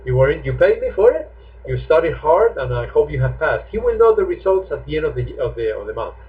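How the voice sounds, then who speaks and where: A man's voice: on the high side, big pitch swings, fast. A man, a chatty, joking English teacher answering students' questions in a live online class. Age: 50s. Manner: chatty and jokey. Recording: tinny phone-like stream audio.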